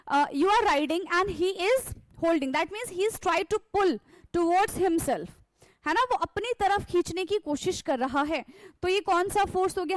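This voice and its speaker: A woman teaching a science lesson with an Indian English accent, explaining step by step and answering her own questions, reading English sentences slowly and switching to quicker Hindi. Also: very high voice, no echo. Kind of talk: classroom lecture mixing Hindi and English.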